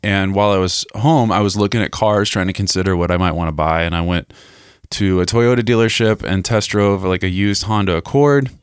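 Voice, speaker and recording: A man's voice: deep voice, brisk, hardly any pauses, smooth, no room sound, clean studio sound. A man hosting a podcast, telling stories in a chatty way with lots of fillers. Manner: storytelling, chatty with many fillers. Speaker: podcast host. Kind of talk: casual chat.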